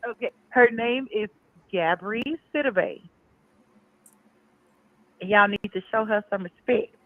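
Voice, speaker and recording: A woman on a call-in line, her voice squeezed thin and narrow the way a phone connection makes it sound. She teases the hosts in a playful, bantering way, and her pitch sits in an ordinary middle range. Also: slow, no room sound. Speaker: caller. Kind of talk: call-in chat.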